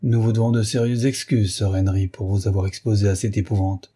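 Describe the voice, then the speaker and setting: A man reading the lines of a calm, commanding male detective in a measured, authoritative way. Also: fairly low pitch, slightly rough. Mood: apologetic.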